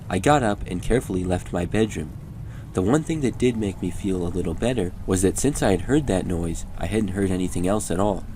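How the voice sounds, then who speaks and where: A man reading first-person horror stories as a steady, measured scripted narration. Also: low voice, a little hiss or hum.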